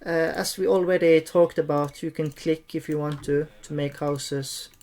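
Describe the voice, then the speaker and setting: A streamer giving an unscripted, hesitant gameplay tutorial, often pausing and repeating phrases. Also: medium pitch, fairly even intonation, a little mellow, slight background noise. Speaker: streamer and game tutorial host.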